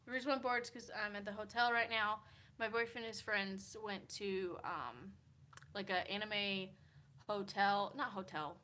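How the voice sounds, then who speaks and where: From a hotel room, a young Kansas woman in her early twenties reads comments on a laid-back livestream, chatty and rambling with many "like" fillers and lots of laughter. She's clearly tired, and her voice is medium-pitched, bright and forceful.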